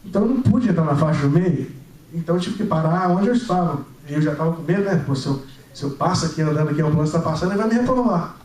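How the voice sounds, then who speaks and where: Young male preacher, quick and high-pitched, animated testimony, echoey church sound from a distance. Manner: animated storytelling, acting out dialogue. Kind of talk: sermon with personal testimony.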